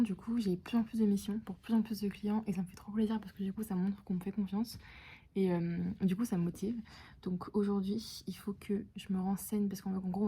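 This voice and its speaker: A young woman from France chatting casually to camera in a personal vlog, excited and full of fillers. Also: mid-range voice, slightly rough. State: just woken up, tired. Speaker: vlogger.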